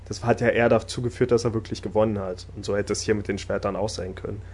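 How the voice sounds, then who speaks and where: A man chatting casually about an anime episode, talkative and laughing often, getting animated when enthusiastic. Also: on the low side, fast, breathy edge. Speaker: podcast host discussing anime. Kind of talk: casual chat.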